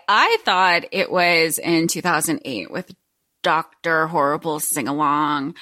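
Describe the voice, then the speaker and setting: A woman's voice: medium pitch, pushed and bright. A woman co-hosting a podcast in casual chat, enthusiastic and laughing often, recorded in an echoey room while away from home. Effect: echoey room sound. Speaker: podcast co-host. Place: temporary room while traveling, sounds echoey.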